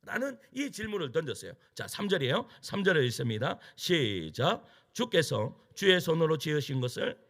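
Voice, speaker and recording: A man's voice: on the high side, very animated, moderate pace, hardly any pauses, fairly bright tone. A male pastor preaching a sermon, questioning the congregation with emphatic delivery.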